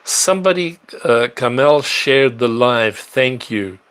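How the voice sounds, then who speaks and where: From his apartment in a big city, a middle-aged South African host chats on a live stream and responds to viewers, his talk rambling with fillers and restarts. The voice is medium-pitched, smooth, and fairly bright, animated yet slow-paced.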